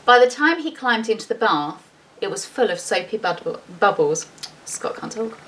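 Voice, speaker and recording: A teacher reads aloud to children in a mid-range voice that is a bit bright and very animated, moving at a normal speed. She brings expression to the story and slips in casual, talkative asides while showing the pictures. The recording, from a distant mic, carries faint background noise.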